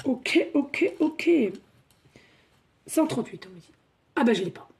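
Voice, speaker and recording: A woman doing a spiritual card reading, excitable and thinking out loud as she draws cards. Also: high-pitched, unhurried. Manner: excitable, thinks aloud, breaks into song. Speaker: tarot card reader.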